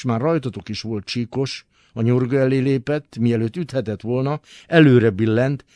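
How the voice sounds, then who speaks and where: A man giving a dramatic literary reading, expressive and swinging between hushed and forceful delivery. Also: mid-range voice, no room sound, clean studio sound. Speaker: reader.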